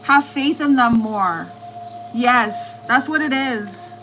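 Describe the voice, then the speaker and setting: High-voiced woman giving tarot readings. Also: takes it slowly, background noise. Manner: repetitive, reassuring, relays spirit messages. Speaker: tarot reader. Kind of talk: live-stream tarot reading.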